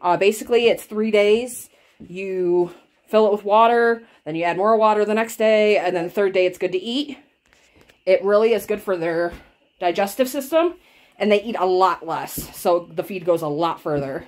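Her voice sits at a medium pitch and moves at a normal speed, with a slightly mellow quality. She's a homestead vlogger in her thirties, casually explaining each farm task as she goes, recorded outdoors on a handheld phone camera in the barn and farmyard.

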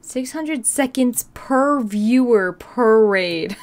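Cute high-voiced anime-style woman streamer. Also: animated, drawn-out words. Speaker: VTuber game streamer. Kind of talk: casual live-stream chat while gaming.

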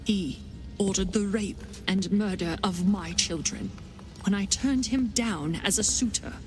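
An actress voicing a vengeful warrior queen in a video game, a grieving mother with iron will who speaks gravely and with command. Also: medium pitch, unhurried, lightly acted. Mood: grim, vengeful. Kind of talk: video game character dialogue. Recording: music behind the voice.

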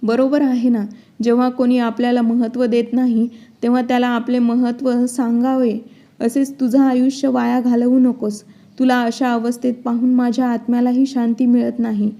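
A woman reads out the spirit of a departed older husband, stern and admonishing. The delivery is level and steady, in a slightly high, mellow voice. It is a plain storybook reading. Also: moderate pace, lightly acted. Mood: counseling.

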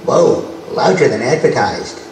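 A man's voice: medium pitch, animated, measured pace, a little mellow, a little hiss or hum, close to an everyday voice. A man playing a weary, wisecracking male space professor with dry, sardonic quips, performed live on a convention stage. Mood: chatty. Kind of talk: live stage radio-play acting. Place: large convention hall stage. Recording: echoey hall, distant mic.

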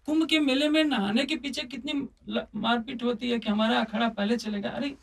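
A man's voice: very high voice, fairly even intonation, normal speed, creaky, distant mic. A man at a religious gathering making an emphatic rhetorical point. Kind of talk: discussion talk.

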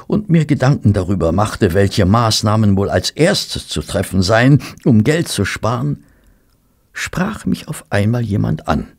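Dr Watson, a war-weary army doctor. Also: male voice, on the low side, creaky, husky, heavily acted. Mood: rueful. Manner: rueful, weary, warmly polite. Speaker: narrator and character. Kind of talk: German radio play acting. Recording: restaurant crowd murmur behind. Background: restaurant chatter.

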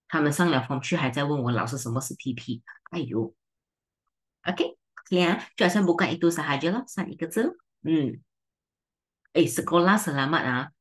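Woman tutor, Malaysian Mandarin accent, low voice, brisk and teasing, switches between languages. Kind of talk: online seminar lesson.

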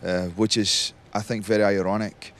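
A man being interviewed, talking in a relaxed, rambling way with many fillers, recorded outdoors at a festival. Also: on the low side, moderate pace. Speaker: interviewed singer. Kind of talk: casual interview.

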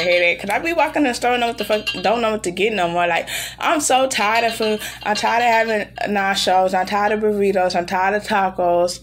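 In a rambling home vlog, a woman in her thirties talks bluntly and casually to the camera at arm's length, audibly irritated. Her voice is mid-range, and there's noise in the background of her apartment room.

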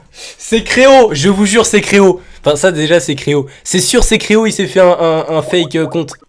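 A man hosting a casual call with his fans, excitable and teasing, joking and then taking it back, with sudden shouts. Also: on the high side, slight background noise. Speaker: YouTuber host calling subscribers. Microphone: computer mic on a voice call.

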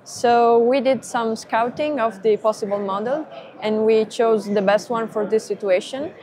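A woman's voice: a little high, a little mellow. Young woman explaining tech. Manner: methodical, explains step by step with fillers. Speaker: perception engineer guest. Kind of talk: trade-fair interview, technical explanation. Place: busy trade-fair booth indoors. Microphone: lapel mic.

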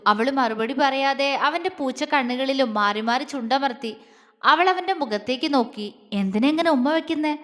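Woman, romantic story narration, soft and steady, high voice, long hall reverb.

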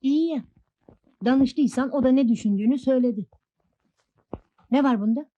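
A woman's voice: sits high, brisk, no room sound. An actress playing a defiant young wife who stands up to her husband, in old film acting. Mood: arguing. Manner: defiant, sharp retorts. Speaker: wife and mother. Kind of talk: 1960s Turkish film acting.

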